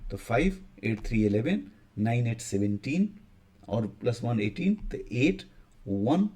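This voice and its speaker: सहज अंदाज़ में गणित समझाता पुरुष शिक्षक. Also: male voice, medium pitch, big pitch swings, a little mellow. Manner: casual explaining, frequent "ठीक है" check-ins, halting restarts. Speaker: maths teacher. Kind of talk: whiteboard maths lesson.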